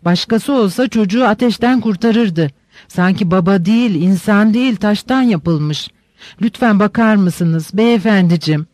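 A frantic, sobbing mother pleads in a rush of words, as a man reading a storybook puts her on. The voice sits high and the sound is close and dry, with no room around it. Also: darkish tone, no room sound. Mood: sobbing pleading. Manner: sobbing, rapid pleading speech.

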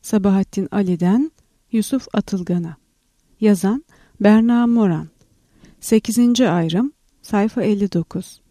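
Mellow-voiced woman reading a book aloud. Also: mid-range voice, a little slow, no room sound. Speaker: audiobook narrator. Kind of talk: scripted reading of literary criticism.

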